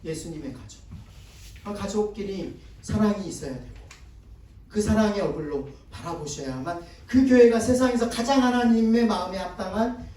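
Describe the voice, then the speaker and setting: A man's voice: high voice, normal speed, dark tone. A male pastor giving a conversational sermon seminar, often prompting the congregation to repeat after him and answer his questions. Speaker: guest pastor. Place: church sanctuary. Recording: echoey church hall from far off.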